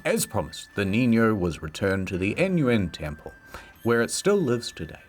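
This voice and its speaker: A man tells a comedic history story in a low voice. His delivery is wry and theatrical, with sudden leaps up and down in pitch. Faint music plays underneath. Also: sing-song, normal speed. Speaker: video narrator. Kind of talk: comedic scripted narration.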